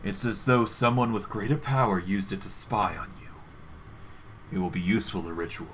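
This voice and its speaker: A man voicing an imperious, irritable undead lich mentor from a fantasy game, speaking in a formal, measured, pompous way. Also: lowish voice, fairly bright tone, a little hiss or hum, lightly acted. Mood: grave, scholarly. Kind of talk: game dialogue read aloud in character.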